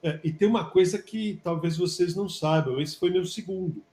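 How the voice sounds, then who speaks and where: A man's voice: high voice, normal speed, darkish tone. Brazilian man, echoey room, chatty doctor. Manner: chatty, many fillers and restarts. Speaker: physician and study coordinator. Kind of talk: casual live webinar talk.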